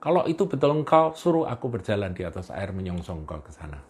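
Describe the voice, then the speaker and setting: A male preacher voicing the apostle Peter as an impulsive, bold man who blurts things out excitedly. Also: on the low side, normal speed, vocal fry.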